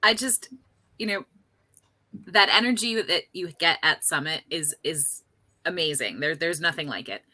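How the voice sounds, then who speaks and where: Co-host: a woman with a low voice and bright edge, dry sound. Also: expressive, normal speed, no echo. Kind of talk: casual podcast chat.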